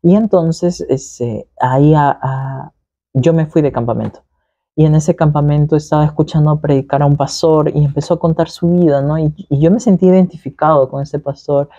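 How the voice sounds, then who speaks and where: A man's voice: a little high, steady tone, moderate pace, dark tone, no echo, highs cut off. A young man, a pastor, telling his story in an interview in an earnest, reflective way with many fillers and tag questions. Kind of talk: conversational testimony.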